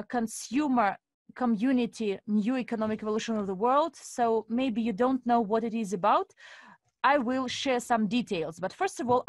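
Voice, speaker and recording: A woman from Estonia whose first language is Russian hosts a live online webinar presentation, speaking formally and addressing the audience as dear friends. Her voice is fairly high, with no echo.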